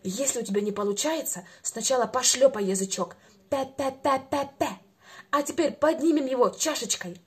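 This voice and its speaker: A woman in her twenties runs a playful speech lesson for a small child, over-enunciating in an animated, sing-song, encouraging way. Her husky voice is a little high and a little fast, with few pauses.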